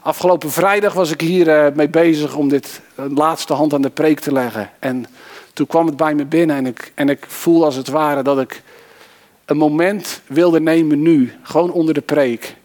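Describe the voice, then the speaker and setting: A man's voice: a little high, steady tone, moderate pace, a little mellow. Preacher speaking directly to his listeners. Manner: personal, direct address to listeners. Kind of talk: sermon.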